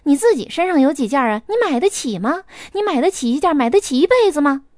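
A woman voicing a brash, rich young woman who taunts and threatens loudly and scornfully. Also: sits high, big pitch swings, fairly quick, dry recording, studio quality. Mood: taunting.

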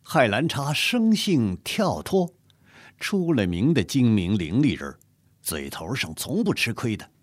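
Sex: man. Style: storybook narration. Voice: husky, dry close sound, very lively pitch. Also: a little slow, dry recording. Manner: expressive, dramatic reading.

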